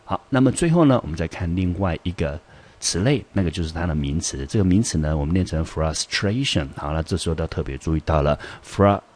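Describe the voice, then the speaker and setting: A middle-aged man with a Taiwanese Mandarin accent gives an English vocabulary lesson in a deep voice. He works through each word methodically and reads the example sentences slowly. His voice has a husky edge. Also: lively intonation, a little mellow. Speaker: English teacher.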